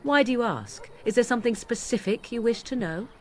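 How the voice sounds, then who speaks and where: A woman's voice: a little high, animated, brisk, darkish tone, a little hiss or hum, close to an everyday voice. An actress playing an aloof, sardonic young witch and shapechanger, speaking in haughty, formal, archaic phrasing in video game dialogue. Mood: lofty.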